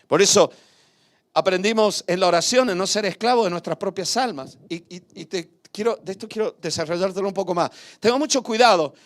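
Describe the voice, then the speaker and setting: A pastor giving a sermon in a conversational, lively way, tossing out rhetorical questions and short tag questions, and moving between raised emphasis and quiet asides. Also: male voice, high-pitched.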